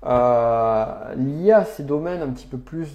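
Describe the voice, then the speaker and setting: A man's voice: medium pitch, slow, darkish tone, dull audio. A man giving an upbeat, chatty live-stream talk on personal development, answering viewers' chat comments with emphatic asides.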